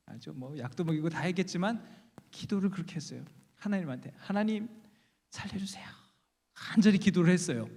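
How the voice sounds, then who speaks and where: A man's voice: fairly high pitch, a little mellow. Chatty male lecturer in a ringing chapel. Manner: chatty, asks the audience questions, humorous. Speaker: guest lecturer at a church Bible conference. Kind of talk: conversational Bible lecture. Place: large church chapel. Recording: reverberant church chapel.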